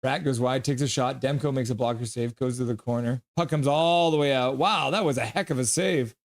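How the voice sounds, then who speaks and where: With a mid-range voice, a man hosts a live hockey broadcast online. He goes through chat comments aloud with easygoing humor and switches to speedy play-by-play.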